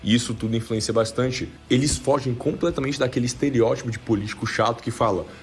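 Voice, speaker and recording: A man's voice: medium pitch, fast talker. A young Brazilian man reading a scripted explainer, switching his tone to act out examples. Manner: shifts tone to demonstrate speaking styles. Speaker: video narrator.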